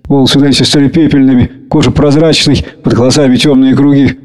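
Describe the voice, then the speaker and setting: A man reading a story aloud in steady, even storytelling narration. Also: medium pitch, brisk, rough recording.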